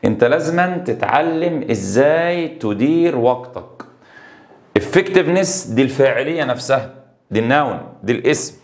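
A man with an Egyptian Arabic accent teaching an English exam-prep lesson. He reads English words slowly, explains them quickly in Arabic and stresses key words. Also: mid-range voice, animated.

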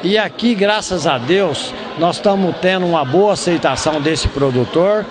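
A man speaking for a cooperative in an interview, measured and earnest, into a handheld mic. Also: high voice, a crowd in the background. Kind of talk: on-camera interview.

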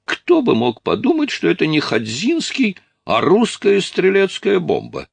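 Man putting on a drunk Polish noble, blustering, raised high voice, gravelly. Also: huge pitch swings, unhurried, no echo, exaggerated voice. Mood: indignant. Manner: loud, indignant, bellowing.

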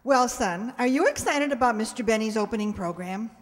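An older woman with a fairly high, animated voice speaks fairly quickly and naturally, playing a bossy, exasperated, sardonic mother in an old-time radio comedy. Her scolding, sardonic lines come from an amateur stage reading in a large hall, captured on a stand microphone with the stage's echo.

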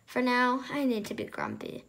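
A woman's voice: on the high side, fairly even intonation, moderate pace, a bit bright. A woman voicing a grumpy male monkey in a storybook reading, insisting he is not grumpy and sighing. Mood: glum.

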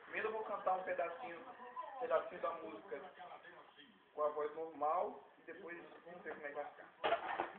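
A man's voice: a little high, moderate pace, pauses often, a loud crowd. A young man casually explaining something to the camera from a few steps away. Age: young adult. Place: living room indoors. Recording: noisy, echoey, phone-like home recording, distant mic.

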